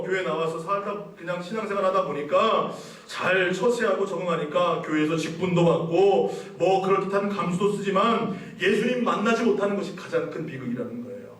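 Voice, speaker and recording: A man's voice: high-pitched, a little fast. A male pastor preaching a sermon, questioning the congregation and building to emphatic passages. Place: church sanctuary. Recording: echoey church hall, mic at a distance.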